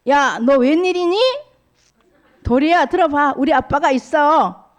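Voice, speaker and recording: A woman voicing an upset little girl in a children's sermon story, speaking in a high, childish, pleading voice. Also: a little slow, highs cut off. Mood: excited. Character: upset little girl Sora, tearful and insistent.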